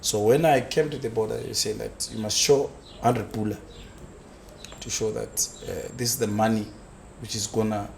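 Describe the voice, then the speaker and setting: A man with a fairly low voice tells his story as an interview guest, pausing often and repeating words as he searches for what to say. A faint hiss of background noise sits behind him. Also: steady tone, gravelly, a little mellow. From South Africa. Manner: halting, with many fillers and repeated words. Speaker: guest, construction business founder.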